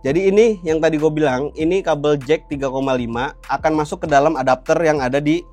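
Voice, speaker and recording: A young adult motovlog host with a Jakarta Indonesian accent walks viewers through a casual gear tutorial in colloquial language, checking in with them as he goes. His voice is on the high side and a little mellow, his pace quick, with soft background music.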